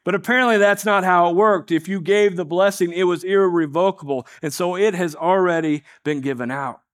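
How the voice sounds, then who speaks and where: Conversational male preacher, slightly high voice. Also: fairly quick. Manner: conversational, frequent asides and rhetorical questions. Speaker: pastor. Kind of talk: sermon with scripture reading.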